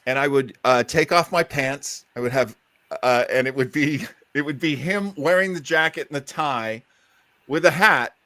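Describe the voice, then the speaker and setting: A man's voice: mid-range voice, moderate pace, pushed and bright, dry recording. A man co-hosting a chat show, talking casually and agreeing often with his guest. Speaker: co-host.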